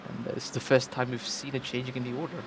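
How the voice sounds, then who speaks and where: A male race commentator giving measured, analytical live commentary, pausing often with "uh". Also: mid-range voice, completely flat delivery. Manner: measured, analytical, many "uh" pauses. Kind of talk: live sim racing commentary. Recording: loud background noise.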